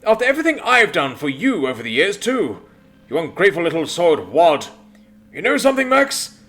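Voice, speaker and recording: A man voicing a foul-mouthed, violent old Santa Claus in a spoken story, mocking and shouting threats. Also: on the high side, huge pitch swings, fairly quick, faint music behind. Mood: mocking, angry.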